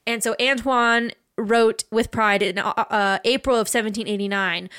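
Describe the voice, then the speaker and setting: Woman podcast host, smooth, slightly high voice, casual history chat. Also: fairly even intonation, moderate pace, fairly bright tone. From United States. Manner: chatty, laughs often, loose storytelling.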